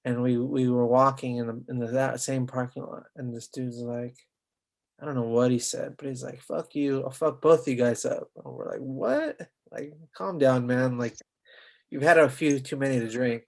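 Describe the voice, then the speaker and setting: A man's voice: medium pitch, level tone, moderate pace, creaky. A man from Southern California co-hosting a podcast, talking bluntly and swearing freely. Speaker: podcast co-host. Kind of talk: casual podcast chat.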